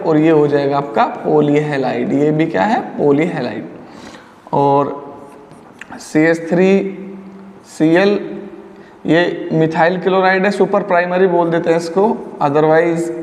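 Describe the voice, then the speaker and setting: High-voiced male chemistry teacher, echoey room. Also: darkish tone. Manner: mixes English terms, scolds students playfully. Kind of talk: classroom lecture. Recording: echoey room with long reverb.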